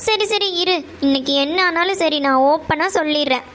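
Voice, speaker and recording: A woman's voice: sits high, moderate pace, fairly bright tone, slight background noise. A woman doing a pushy, chatty cartoon village girl. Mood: pleading. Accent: Coimbatore Kongu Tamil. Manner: coaxing, insistent.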